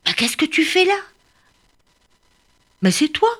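A woman voicing a bullied young female ostrich who talks in a high, fearful, pleading way. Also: a little slow, natural voice. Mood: frightened.

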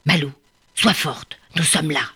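A woman voicing a small, clever male bird who speaks in a low, calm, reassuring way. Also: measured pace, creaky, slightly rough, heavily acted.

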